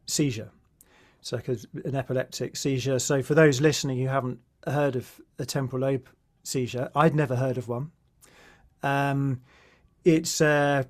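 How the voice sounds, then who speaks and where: Hesitant male podcast host. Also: mid-range voice. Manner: hesitant, many fillers and restarts. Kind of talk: casual interview chat.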